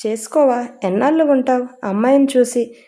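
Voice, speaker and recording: A woman's voice: a little high, a little fast, dark tone, close to an everyday voice. A woman voicing a middle-aged mother who insists her son marry and scolds him sharply. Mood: scolding.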